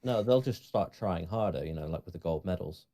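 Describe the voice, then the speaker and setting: A man's voice: deep voice, expressive, brisk, dark tone. A man co-hosting a podcast over a remote call, chatting in a jokey, playful way. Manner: jokey, plays with silly accents. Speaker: podcast co-host. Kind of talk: casual chat.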